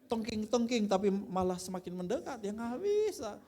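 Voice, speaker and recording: A man from Indonesia preaching a sermon to his congregation. He talks in a relaxed, chatty way, often speaking softly before suddenly pushing his voice up and out to stress a point. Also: high voice, moderate pace. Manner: casual, conversational preaching with sudden loud emphatic bursts and quiet asides. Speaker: pastor. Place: church worship service.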